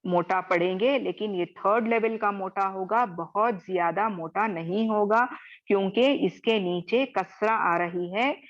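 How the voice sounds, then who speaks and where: A woman teaching Quran recitation in an online class, drawing out example words and often checking in with her students. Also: medium pitch. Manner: slow, repeats example words drawn out; often checks in with "theek hai?". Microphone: video call. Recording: dull lo-fi video call audio.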